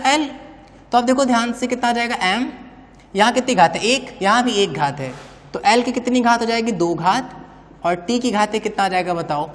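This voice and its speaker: A man teaching a physics class, asking questions and then answering them himself, and often calling his students "bhai". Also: extremely high pitch. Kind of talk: chalkboard physics lecture. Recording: long reverb, roomy classroom sound.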